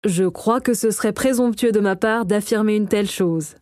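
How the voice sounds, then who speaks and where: A woman reading the part of a kind male king who calmly reassures his young son. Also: mid-range voice, moderate pace, no room sound, studio quality, natural voice. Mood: gentle. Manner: calm, warm and reassuring. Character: kind, gentle male king and father, a magician.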